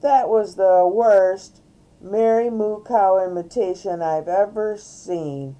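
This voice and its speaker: An older woman voicing a bossy little girl aardvark who speaks high, loud and demanding. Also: slow, highs cut off, lightly acted. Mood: teasing.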